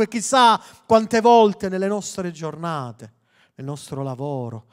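A man in his thirties, a pastor preaching a sermon into a handheld mic, with fervent delivery that builds to loud emphatic peaks. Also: fairly high pitch. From Sicily, Italy. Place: church hall. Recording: long hall reverb.

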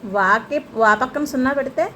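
A woman in her thirties with a high, bright, forceful voice speaks at a normal speed over slight hiss or hum. A mother and home vlogger, she patiently coaxes her child through homework and chats casually with viewers while cooking in her kitchen.

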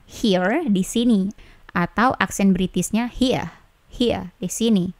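An Indonesian-accented woman leads a slow English phrase lesson, repeating each phrase deliberately before explaining it. Her voice sits at an ordinary pitch and comes through a close, dry mic with no room sound. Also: darkish tone, dry recording. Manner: repeats each phrase slowly, then translates. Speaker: English teacher.

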